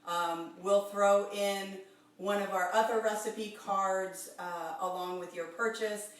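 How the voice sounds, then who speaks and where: Brief: woman chef, live-stream cooking host, unhurried and chatty, roomy kitchen sound with the mic a bit far. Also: medium pitch, fairly even intonation. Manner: chatty, upbeat, with many fillers and laughs.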